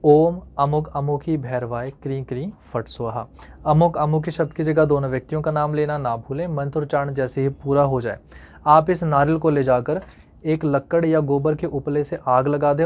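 A man hosting an occult remedies channel, talking viewers through instructions step by step and calling them friends. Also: a little high. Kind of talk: instructional monologue. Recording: dull lo-fi recording.

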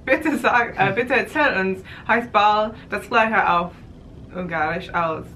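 A woman's voice: medium pitch, slow, pushed and bright, slight background noise. A young woman from England with an English accent, chatting playfully as a German learner. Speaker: co-host. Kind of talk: casual chat while learning German. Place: hotel bedroom, indoors.

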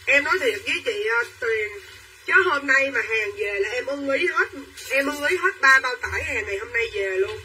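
A young woman hawks clothes to her livestream viewers. Her voice is high and very bright, and she keeps urging buyers to claim pieces. She sounds set back from the microphone, with faint background noise. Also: animated, distant mic, poor audio. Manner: quick and pushy, urging buyers to claim items. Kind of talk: live-selling chatter to viewers.

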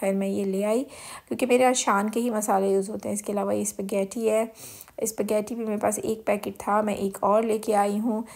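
Her voice is medium-pitched, level, creaky and a little mellow, and she talks slightly fast. The speaker is a home vlogger with a Pakistani accent, casually chatting through a grocery haul, explaining items and using English words here and there.

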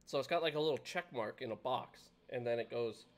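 A man's voice: medium pitch, a little fast. A man live-streaming a video game, chatting casually with viewers in a rambling way and laughing often. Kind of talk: casual gameplay commentary.

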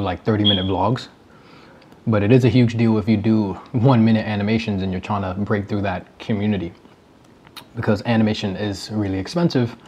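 Young male vlogger, lowish voice, wry casual commentary while eating cereal. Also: a little mellow, breathy edge. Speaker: YouTuber.

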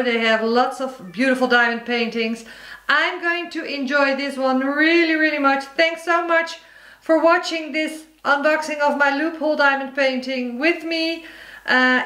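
A woman's voice: high voice, fairly bright tone, echoey room, poor audio. A woman chatting casually to her viewers as she unboxes and shows off a craft kit, describing each item and calling her audience "guys". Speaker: crafting vlogger.

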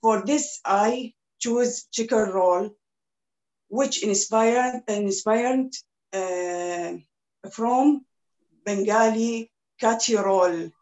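A woman in her thirties from Iraq, speaking English as a second language with a slow, halting delivery full of pauses, introducing herself on a video call as she teaches a cooking class from her kitchen. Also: a little high, a little mellow, poor audio. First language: Arabic. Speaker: home cook teaching a cookalong. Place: small kitchen indoors. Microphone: laptop video call.

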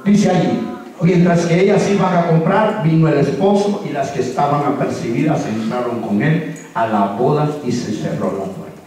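A man's voice: on the high side, moderate pace, darkish tone. A man preaching a sermon as pastor, urging the congregation to repeat after him and acting out quoted dialogue. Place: church. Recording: very echoey church sound from far off.

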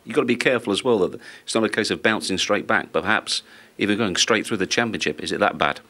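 Male sports reporter, fast talker, sharp bright tone, probing questions. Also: lowish voice. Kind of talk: post-match interview questions.

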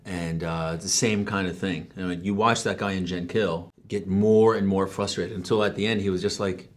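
A man's voice: deep voice, normal speed. A man in a casual conversation, talking bluntly and swearing freely about making military comedy. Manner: blunt, profane, relaxed. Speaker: show co-creator discussing military comedy.

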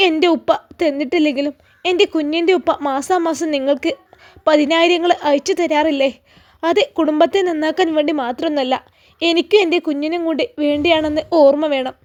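A young mother at the end of her rope pleads with a hurt, raised voice, as a woman puts her on. Her pitch sits high above an ordinary woman's. It is a spoken storybook role. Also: fairly even intonation, a little fast, darkish tone, muffled recording, close to an everyday voice. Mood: angry.

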